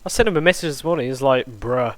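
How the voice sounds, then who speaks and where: A man's voice: a little high, very fast, fairly bright tone. A man giving casual, offhand commentary on a sim racing stream, joking as he goes. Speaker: race commentator.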